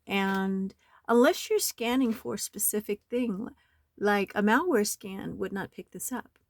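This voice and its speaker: A hoarse woman with a slight cold, talking in a rambling, aggrieved and urgent way in a home vlog. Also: medium pitch, measured pace, no room sound. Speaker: nonprofit website owner. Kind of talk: screen-recorded vlog. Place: home in the desert.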